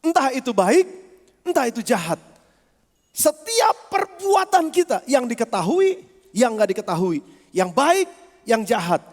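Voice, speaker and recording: A male pastor delivers a lively sermon, pushing his words out loudly and then dropping into quiet asides. His voice sits very high for a man. The long reverb of a church hall hangs behind every phrase. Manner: lively preaching, swings from loud emphasis to low asides.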